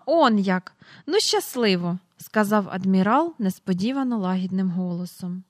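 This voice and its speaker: Calm woman reading a children's book. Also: mid-range voice, no room sound, studio quality. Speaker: narrator. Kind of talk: children's audiobook reading with picture descriptions.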